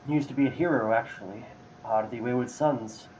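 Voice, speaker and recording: A talkative village shopkeeper, played by a man, rambling along and pausing on frequent ums. His pitch sits in an ordinary middle range. A faint hiss runs under the voice. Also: darkish tone, close to an everyday voice, poor audio. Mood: chatty. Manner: rambling, hesitant with many ums. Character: male shopkeeper, chatty franchise owner.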